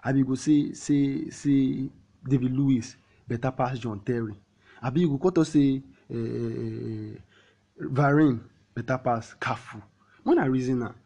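A man with a Nigerian accent hosting a football talk show in casual Pidgin, animated, repeating himself and throwing out rhetorical questions. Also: mid-range voice, normal speed, dull audio. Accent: Nigerian, speaking Pidgin.

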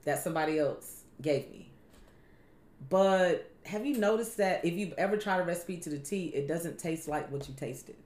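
A woman hosting a faith-based chat, talking in a relaxed, conversational, preachy way. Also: fairly low pitch, moderate pace, reverberant. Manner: conversational, preachy, uses everyday analogies. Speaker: podcast host.

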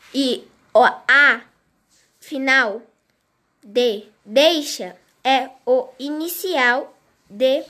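A woman reading a grammar lesson aloud in a slow, halting way, restarting words as she goes. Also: high voice, fairly bright tone. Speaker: teacher.

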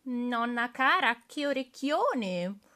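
A woman voicing a curious little girl in a storybook reading, in a high, sing-song, wide-eyed manner. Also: sing-song, slow, sharp tone, full character voice. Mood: innocent.

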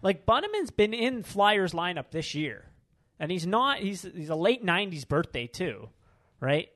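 Animated man in casual sports chat. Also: high voice, a little slow. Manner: animated, rambling with restarts. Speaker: podcast co-host.

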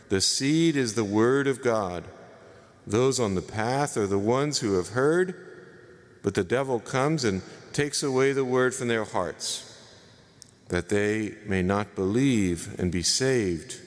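A man reading the gospel aloud at Mass, slow and measured, in a large church with a cathedral echo. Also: mid-range voice. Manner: slow, measured, solemn delivery. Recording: long church reverb.

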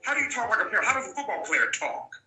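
Blunt, bright-voiced male interview guest. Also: very high voice, very animated, fast, echoey room, faint music behind, rough recording. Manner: blunt, emphatic, repeats key points. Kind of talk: candid storytelling.

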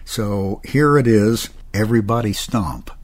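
An older man, a jazz musician, reminiscing in an anecdotal way with a husky voice. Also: fairly low pitch, unhurried.

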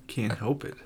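A man co-hosts a casual podcast from home, joking and laughing even as he sneezes, coughs, and deals with a runny nose.

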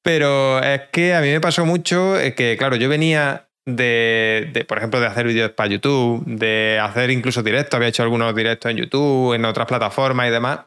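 A man's voice: medium pitch, fairly even intonation, brisk, few pauses, a bit bright, smooth. A man hosting a stream, chatting in an easygoing way with lots of fillers and self-corrections. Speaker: streamer host. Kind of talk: casual chat.

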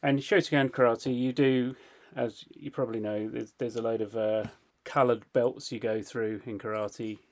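A man tells a story on a casual podcast, his voice sitting at an everyday middle pitch. He is animated and laughs through the telling. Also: moderate pace. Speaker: podcast co-host.

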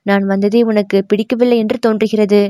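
A woman's voice: medium pitch, level tone, brisk, warm tone, dry recording, clean studio sound, lightly acted. A woman narrator voicing a proud young prince who grows hurt and angry, in audiobook storytelling. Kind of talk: audiobook narration of a historical novel.

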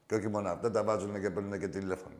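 A man's voice: lowish voice, fairly even intonation, echoey room. A man hosting a call-in show, taking callers one after another and mocking them with crude, brash banter and frequent laughter. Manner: loud teasing with frequent laughs. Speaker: radio call-in show host.

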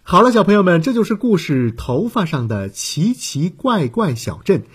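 A man narrating a children's story in an expressive voice meant for young listeners. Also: high-pitched, slightly rough. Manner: expressive, drawn-out storytelling to kids.

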